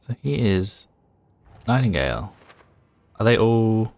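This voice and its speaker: A man's voice: deep voice, lively intonation, moderate pace, gravelly, dry recording. A man casually commenting while playing a horror video game, muttering his thoughts aloud with a wry edge. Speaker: gaming channel host. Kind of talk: casual let's-play commentary.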